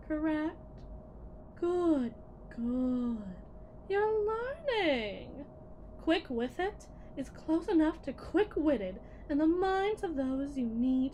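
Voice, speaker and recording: A woman acts as the condescending, menacing lead technician of a shady robot company in a scripted ASMR roleplay monologue. Her voice is high-pitched yet warm, and she speaks unhurriedly, theatrically, and patronizingly, with deliberate dramatic pauses over faint noise.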